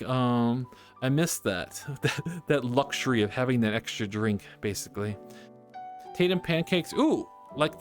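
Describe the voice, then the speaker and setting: Rambly streamer dude, kinda high voice, laughs a lot, faint music playing behind. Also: male voice. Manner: chatty and rambling, giggles often. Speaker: live streamer reading chat. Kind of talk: casual chat stream.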